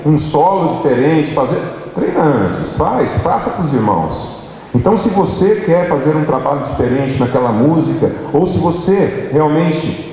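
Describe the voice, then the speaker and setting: A Brazilian man speaking with a high, animated voice, his pitch swinging freely. He talks playfully and turns straight to the audience. His voice rings through a big echoey hall, heard from a distance with faint noise behind it. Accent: Brazilian Portuguese. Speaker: workshop speaker. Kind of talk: church workshop talk. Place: large hall. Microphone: handheld microphone.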